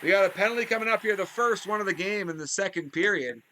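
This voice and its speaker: A man giving excited play-by-play commentary on a video game hockey league, his voice jumping up on big plays and drifting into chatty asides. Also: fast, noisy background. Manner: rises sharply in pitch and volume on big plays, chatty asides.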